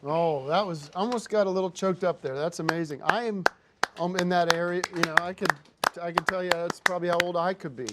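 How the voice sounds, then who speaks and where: A man's voice: high-pitched, fairly even intonation, fairly quick, very noisy. A man hosting a comedic show, pushy and interrupting as he gives direction. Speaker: host.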